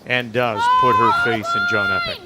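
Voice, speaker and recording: A man working as a play-by-play commentator, explaining the format in a relaxed way and calling shots live. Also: medium pitch, moderate pace. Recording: heavy background noise.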